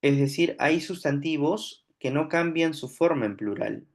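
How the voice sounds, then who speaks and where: Slow, deliberate male grammar teacher. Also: fairly high pitch. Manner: slow, deliberate explaining with frequent checks "¿no?". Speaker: language teacher. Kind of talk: recorded grammar lesson.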